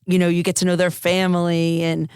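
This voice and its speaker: A woman oncologist giving thoughtful, measured answers in an interview. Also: on the low side, completely flat delivery, darkish tone, clear, resonant tone, no echo, clean studio sound. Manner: thoughtful, measured, uses fillers. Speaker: oncologist guest.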